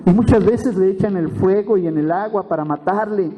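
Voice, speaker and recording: A man preaching a sermon as pastor, retelling the story with animated asides and frequent tag questions to the congregation. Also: high-pitched, moderate pace, highs cut off. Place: church hall. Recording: long church reverb.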